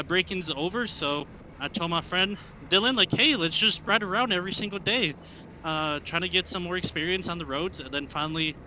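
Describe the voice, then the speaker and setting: Young American man, high-pitched voice, rambling motovlog chat, muffled inside-a-helmet mic, faint road noise. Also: pushed and bright. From Arkansas, United States. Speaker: motovlogger, new rider. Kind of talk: casual vlog chat while riding. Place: inside a helmet on a motorbike, outdoors. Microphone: helmet headset mic into an action camera.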